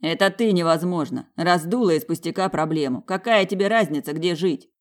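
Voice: mid-range voice, fairly quick, lightly acted. A reader voicing a smug, dismissive wealthy young husband in audiobook dialogue. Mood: irritated.

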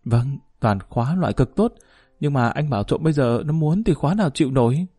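A man voicing a fiery, sharp-tongued young woman in a spoken story. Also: mid-range voice, animated, brisk, husky, no echo, pitched above the performer's own voice. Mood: distraught.

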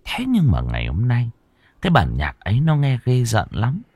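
A man narrating a horror story in a slow, dramatic, ominous manner. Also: mid-range voice, huge pitch swings, a little mellow, husky, dry recording.

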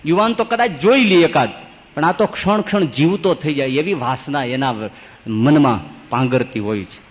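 Male swami storyteller, devotional sermon, higher voice, long-hall reverb. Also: moderate pace. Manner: acts out story characters in changing voices. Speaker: swami giving a scripture discourse.

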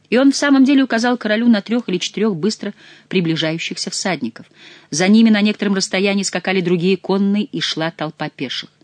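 An audiobook narrator with a measured, even delivery. The voice sits in a middle pitch. The recording is close and very dry. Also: dry recording. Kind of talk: scripted narration.

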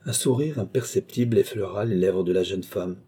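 A man narrating a classic novel aloud with steady, measured storytelling. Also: sits low, husky. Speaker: audiobook narrator.

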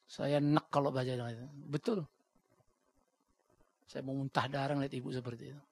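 A man's voice: medium pitch, little pitch movement, moderate pace, vocal fry, darkish tone, breathy edge. A man preaching a sermon bluntly and with energy, acting out the voices he quotes and dropping English words into his talk. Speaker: pastor.

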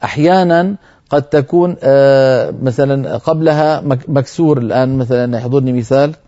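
A man teaching Quran recitation on a TV program, answering viewer questions firmly and reciting verses slowly to demonstrate. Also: mid-range voice, mellow, dull audio.

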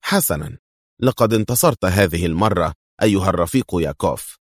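Man doing a calm mocking secret agent, deep low voice, dry close recording. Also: brisk, dry recording. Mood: calm, sardonic. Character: calm, sardonic male secret agent hero.

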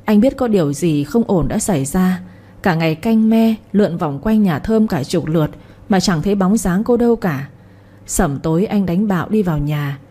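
A woman narrating a story in a calm, measured audiobook style. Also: on the low side, slightly rough.

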